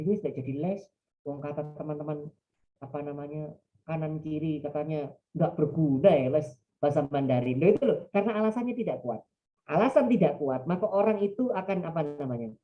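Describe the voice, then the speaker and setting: East javanese guy preaching in a webinar, rambly storytelling, muffled call audio. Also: fairly high pitch. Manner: chatty, digressive storytelling. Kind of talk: religious talk in a webinar. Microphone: online call mic.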